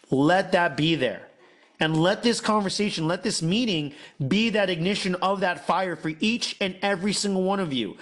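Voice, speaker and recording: A man hosting an online masterclass on a video call, giving an impassioned motivational speech in a preacherly, repetitive way that builds to emotional peaks. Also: sits high.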